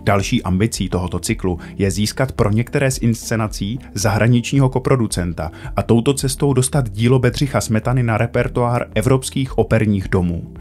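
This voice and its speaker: Guy reading theatre news, lowish voice, calm formal delivery, bit of music under it. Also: few pauses. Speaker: news presenter. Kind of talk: scripted narration.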